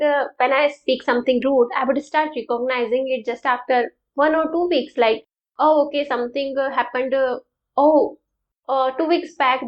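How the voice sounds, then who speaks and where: A woman's voice: sits high, dull audio. A young woman vlogger talking casually to camera, telling a personal story with many ums and uhs. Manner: chatty, storytelling, frequent um and uh. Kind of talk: casual reflective talk to camera.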